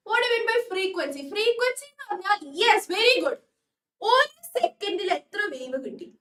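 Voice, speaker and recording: Young Malayali woman tutor, very high and unhurried, coaxing and always checking understanding. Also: sing-song, bright, forceful tone, roomy sound, distant mic. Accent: Malayali English. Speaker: online tuition teacher. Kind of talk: live online class, mixing Malayalam and English.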